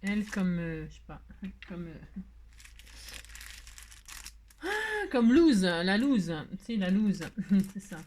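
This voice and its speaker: Slow and pausing often, this French woman has a mid-range, slightly mellow voice with big pitch swings. She hosts a casual craft tutorial, chatting hesitantly with plenty of "euh" and "hein" and laughing at herself amid faint background noise and clicks.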